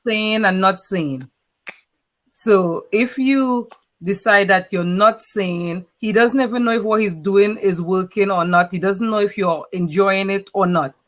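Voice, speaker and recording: A woman's voice: mid-range voice, a little slow, a bit bright. Trinidadian woman hosting an online panel. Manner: earnest, repeats words when starting thoughts. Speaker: host. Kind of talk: casual panel discussion.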